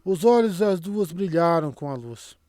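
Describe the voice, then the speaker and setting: A man narrating a fantasy audiobook in a steady, even storytelling manner. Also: high voice, a little slow, no room sound. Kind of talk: scripted narration.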